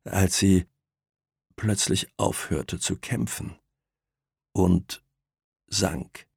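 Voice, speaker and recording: A man voicing a dazed, injured man who speaks in a hushed, trembling, broken voice. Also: low voice, extremely slow, gravelly, breathy edge, no room sound, clean studio sound, full character voice.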